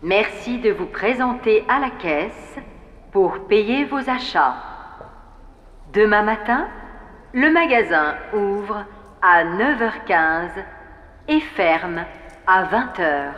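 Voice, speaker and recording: A woman reading public announcements in a formal, measured way. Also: medium pitch, a bit bright, in a large hall.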